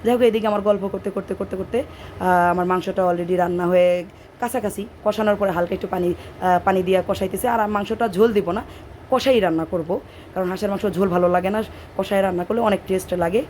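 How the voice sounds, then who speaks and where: A woman with a Bangladeshi Bengali accent and a hoarse voice talks through a home cooking video, drifting into chatty side stories as she works. Her pitch sits mid-range for a woman, and faint household noise hums behind her in the kitchen. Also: fairly even intonation, quick pace, a little mellow. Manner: chatty, digressive storytelling while cooking. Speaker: cooking vlogger. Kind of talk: casual cooking narration.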